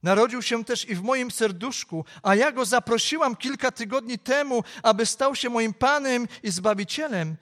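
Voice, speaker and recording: Man doing little girl, four or five, pleading, earnest, high-pitched storytelling voice. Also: normal speed, few pauses, a bit bright. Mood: eager. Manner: earnest and begging.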